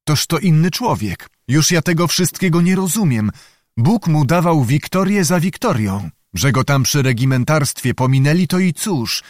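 Narrator as a devoted young knight, earnest, slightly raised voice, dry close sound. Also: male voice, fairly high pitch, animated, moderate pace, no room sound, pitched above the performer's own voice, natural voice. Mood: puzzled earnest. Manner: earnest, respectful.

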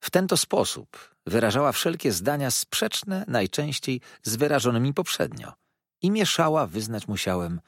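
A man narrating a classic novel as an audiobook, in an expressive, storytelling manner. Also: medium pitch, husky, dry recording, studio quality. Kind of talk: scripted narration.

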